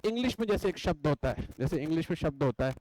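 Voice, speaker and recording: High-voiced man teaching in a dry room. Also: lively intonation, quick pace, darkish tone, no room sound, rough recording. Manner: chatty, repeats points and checks understanding. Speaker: exam coaching teacher. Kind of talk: classroom lecture. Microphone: writes on a board while talking.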